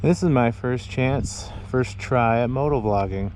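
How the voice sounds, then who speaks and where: A man's voice: medium pitch, a little slow. An American man from Minnesota talking casually and ramblingly to himself and viewers as he rides a motorcycle outdoors in traffic. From Minnesota, United States. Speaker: motovlogger. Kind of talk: casual rambling motovlog while riding. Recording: muffled outdoor recording with loud engine, wind noise. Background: loud engine, traffic and wind noise.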